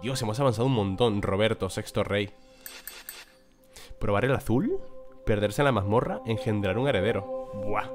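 A young man with a Spain Spanish accent reads game text aloud and comments casually, cursing and exclaiming whenever things go wrong. This gameplay commentator has a lowish, expressive voice at normal speed with long pauses. Music plays behind him.

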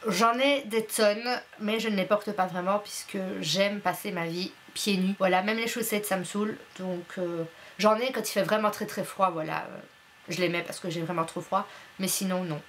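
A woman's voice: mid-range voice, normal speed, a bit bright, slight background noise. A young woman from Belgium, chatting bluntly and playfully as she answers a casual vlog questionnaire from her bedroom, full of fillers. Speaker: YouTuber.

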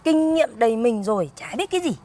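Husky, boastful woman. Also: on the high side, big pitch swings, fast talker, dark tone. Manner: boastful, defensive, argumentative. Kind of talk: comedic banter.

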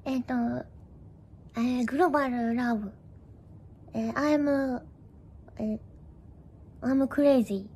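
A woman's voice: a little high, takes it slowly, long pauses, a little mellow, husky. A young woman streamer chatting casually with her viewers, playful and giggly, tossing in bits of English. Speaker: live streamer.

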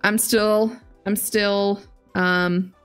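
Indoors in her living area, a late-twenties woman hosts a game stream, talking to viewers and reading their chat aloud into a close desk mic while wearing a headset. Her medium-pitched voice is flat, smooth, and very slow, over soft background music.

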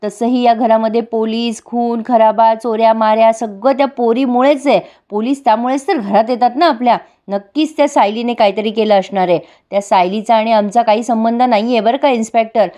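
A woman's voice: fairly high pitch, fairly even intonation, a little fast, hardly any pauses, warm tone, close to an everyday voice. Woman reading as a spiteful grandmother. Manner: scolding and spiteful. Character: sharp-tongued elderly grandmother, blaming.

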